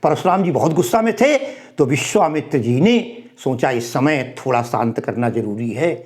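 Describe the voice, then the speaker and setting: A man teaching and explaining verses of a religious epic, chanting lines slowly and then explaining them in an expressive way. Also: mid-range voice. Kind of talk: expository lecture on verse.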